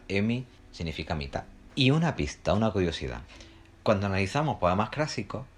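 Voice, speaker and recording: A man teaches a recorded lesson. His voice sits low but swings widely in pitch as he explains each point step by step. He poses questions to the class and answers them himself. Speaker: literature teacher. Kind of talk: recorded lecture for students.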